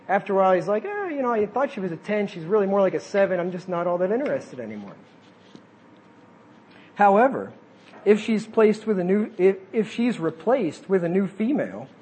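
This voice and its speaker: A man's voice: high-pitched, darkish tone, slight background noise. A man preaching a sermon, reading quotes aloud and breaking off to add casual asides.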